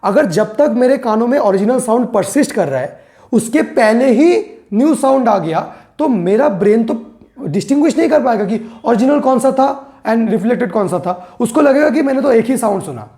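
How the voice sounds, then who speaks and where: A man teaching a physics lesson, slowly repeating key phrases as if for dictation and mixing English terms into his explanations. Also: very high-pitched, lively intonation, mellow. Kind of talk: classroom lesson.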